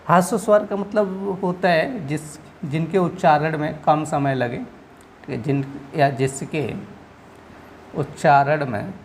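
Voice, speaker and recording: A man's voice: fairly high pitch, takes it slowly, slight background noise. A man teaching, patiently explaining exam answers step by step and checking in constantly with his students. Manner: patient, repetitive, checks in with frequent "okay".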